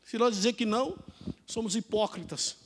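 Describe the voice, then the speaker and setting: A man with a very high-pitched voice preaches a live sermon, telling his own testimony. He moves between shouted praise and hushed, confiding stretches. The church microphone carries a long reverb through the hall. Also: moderate pace. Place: church sanctuary.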